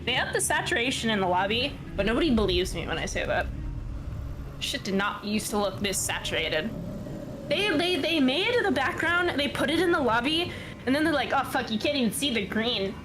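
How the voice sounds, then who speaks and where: Animated high-voiced woman on voice chat. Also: moderate pace, background noise. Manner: animated storytelling, heavy swearing. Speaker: player in a group game session. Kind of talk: casual voice chat while gaming. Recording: game music playing behind.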